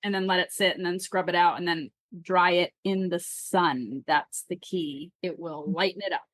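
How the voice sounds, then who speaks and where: A woman's voice: on the low side, steady tone, normal speed, fairly bright tone, dry recording, studio quality. A woman from California, a guest on a podcast, chatting in a friendly, agreeable way and often saying yes. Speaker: guest seller. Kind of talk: casual chat on a podcast.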